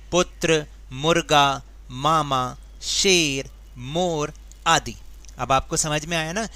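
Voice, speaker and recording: A man's voice: fairly high pitch, sharp tone, dry recording. A man teaching a grammar worksheet, explaining patiently step by step and asking his students questions. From India. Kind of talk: worksheet lesson.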